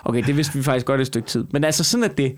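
A Danish man hosting a casual podcast chat, swearing freely and ranting with incredulity. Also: mid-range voice. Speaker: podcast host; stand-up comedian.

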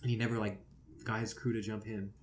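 A man's voice: on the low side, flat delivery, fast, crowd noise. A young man co-hosting a podcast, teasing his friends in loose, profane banter. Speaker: podcast co-host. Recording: audible background noise.

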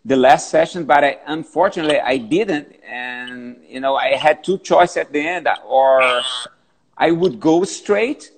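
A man in his fifties, a big wave surfer, answering interview questions in halting, repetitive English, calling in from a gym. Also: on the high side, slight background noise. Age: 50s. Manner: halting, repeats words, non-native phrasing.

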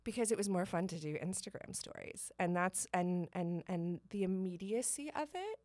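A woman with vocal fry chatting casually and candidly as an interview guest, in an informal, rambling way peppered with "like". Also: fairly low pitch, expressive, moderate pace, a little mellow, no room sound, studio quality. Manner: informal, rambling, heavy use of "like". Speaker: interview guest, blogger and social media creator.

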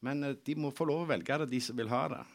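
A man argues his point bluntly in a panel debate. He is emphatic and stumbles now and then. His voice sits at a middle pitch. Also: creaky. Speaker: local politician.

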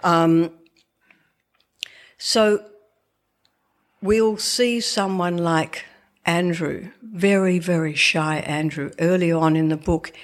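A woman with slushy, sh-like s sounds, speaking as a novelist in a conversational, reflective and digressive talk to an audience about her book. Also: lowish voice.

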